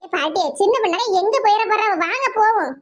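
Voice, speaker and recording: A woman voicing a young village woman in a cartoon, quick and coaxing, with a Kanyakumari Tamil accent. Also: extremely high pitch, dull audio. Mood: concerned. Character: brisk young village woman, caring neighbor. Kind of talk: animated comedy voice acting.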